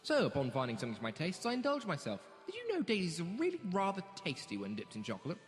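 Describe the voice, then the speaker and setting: A man playing an eccentric, excitable alien doctor in pony form in a fan audio drama, theatrical and whimsical, full of exclamations. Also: fairly high pitch, quick pace, faint music behind. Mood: breezy, polite. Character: eccentric, excitable male time-travelling alien doctor turned cartoon pony.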